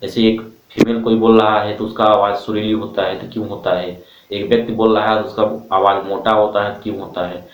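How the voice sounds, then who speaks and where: A man's voice: fairly low pitch, level tone, fairly quick, slight background noise. A man teaching a class, who keeps asking the students questions and repeating the answers back to them. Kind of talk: classroom lecture. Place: classroom with a board. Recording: roomy, from far off.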